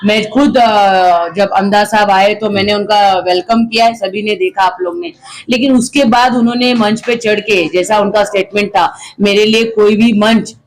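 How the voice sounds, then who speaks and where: A middle-aged woman speaks as a local social activist being interviewed. She talks forcefully and with indignation, hammering her points home through repetition. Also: mid-range voice, fairly even intonation, moderate pace. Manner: forceful and indignant, repeats phrases for emphasis. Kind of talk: interview answers.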